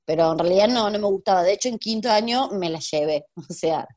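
A woman's voice: medium pitch, a little fast, a little mellow. A woman in her thirties with a Rioplatense Spanish accent, a history teacher talking casually in an interview, laughing often and using many fillers. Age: 30s. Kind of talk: conversational interview.

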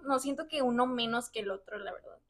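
A woman's voice: on the high side, quick pace. A young woman with a Mexican accent, co-hosting a casual podcast chat, talking in a chatty way full of fillers and giggles. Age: young adult. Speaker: podcast co-host.

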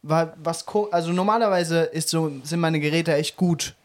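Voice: medium pitch, moderate pace. Young rambling casual storyteller. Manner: rambling storytelling, youth slang, fillers like "bla bla bla". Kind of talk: casual chat.

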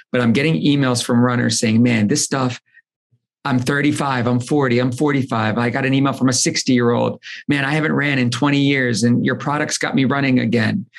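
Male guest, 40s, gravelly texture, earnest storyteller who stumbles and repeats at sentence starts. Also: mid-range voice. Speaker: guest, company founder. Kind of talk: casual storytelling conversation.

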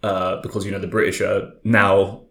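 A man's voice: deep voice, little pitch movement, normal speed, gravelly, fairly bright tone. A man hosting a casual history discussion, thinking aloud as he goes. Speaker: podcast host. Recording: echoey room.

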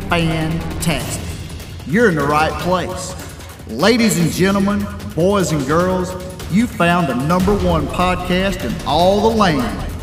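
Man doing a booming grand entrance announcer. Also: lively intonation, takes it slowly, roomy sound, long reverb tail, music in the background. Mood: grandiose. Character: bombastic showman announcer introducing a show. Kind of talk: theatrical podcast intro announcement.

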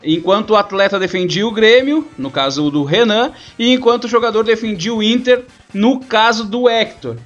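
A man's voice: high-pitched, normal speed, few pauses, a bit bright. A man with a southern Brazilian accent casually hosting a football talk show. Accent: southern Brazilian, Rio Grande do Sul. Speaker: host. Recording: dull lo-fi sound, music behind.

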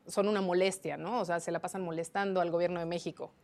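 A woman journalist from Mexico answering interview questions, explaining spelling rules in a lively, teaching way with many fillers. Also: on the low side, fast talker. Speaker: journalist guest.

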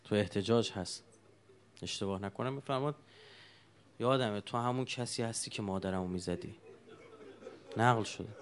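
A man's voice: on the low side, pauses often. A man preaching a sermon, telling stories with emotion and asking the congregation rhetorical questions.

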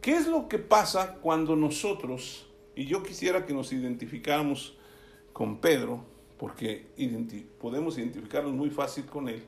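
A man preaching a sermon. He reads scripture aloud, then explains it conversationally and checks in with his listeners through quick tag questions. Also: mid-range voice, expressive, vocal fry. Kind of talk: sermon with Bible reading.

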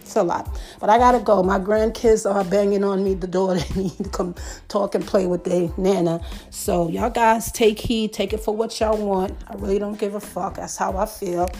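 A woman's voice: mid-range voice, steady tone, normal speed, warm tone, faint music behind. A middle-aged woman hosting a podcast, ranting emphatically in profane street slang. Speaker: podcast host.

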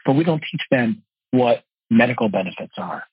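A man's voice: medium pitch, breathy edge, dry recording. A man in his forties from New Jersey, telling his life story earnestly as a podcast interview guest. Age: 40s. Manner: earnest, fast-talking, expressive storyteller. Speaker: guest, financial wholesaler and speaker. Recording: dull lo-fi dry podcast audio.

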